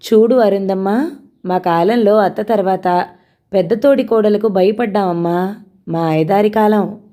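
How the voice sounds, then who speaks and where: A woman's voice: medium pitch, measured pace, mellow, lightly acted. A woman voicing a domineering elder sister-in-law who talks in a mocking, sarcastic way.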